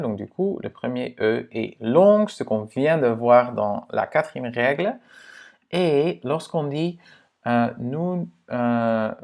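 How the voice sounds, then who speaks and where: A man teaching Dutch pronunciation in a relaxed, casual way, explaining rules to the viewer with many fillers and checks like "ok?". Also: medium pitch, gravelly.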